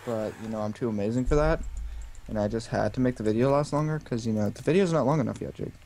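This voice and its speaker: A man's voice: mid-range voice, fast, dark tone, a little hiss or hum, low-quality recording. A man bantering through casual gameplay commentary, joking and mock-boastful. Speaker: co-player.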